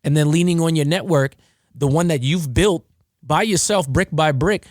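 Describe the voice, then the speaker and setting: A man's voice: a little high, normal speed, dry recording. Mentoring male podcast host, dry sound. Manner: reflective, mentoring, leading questions. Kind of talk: casual podcast conversation.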